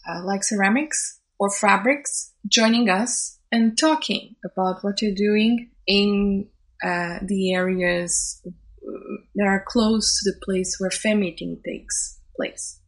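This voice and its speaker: Over poor audio, this woman's mid-range voice stays fairly even and unhurried. A native Portuguese speaker who works as a social scientist and organizes events, she reflects carefully during the interview and frequently restarts phrases while searching for words.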